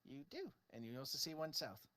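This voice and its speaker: A man's voice: a little high, wildly swooping pitch, a little fast, bright, forceful tone. A man improvising narration as the game master of a tabletop role-playing game.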